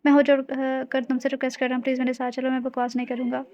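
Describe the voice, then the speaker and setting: A woman's voice: high-pitched, completely flat delivery, rapid-fire, a little mellow, natural voice. A woman reading a teasing young hero. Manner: playful, teasing. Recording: dull lo-fi recording.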